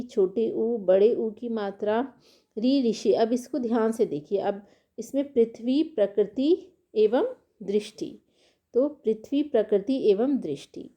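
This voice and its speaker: A woman's voice: fairly high pitch, mellow. A woman teaching a Hindi grammar lesson over a screen recording, explaining patiently and reading letters out one by one.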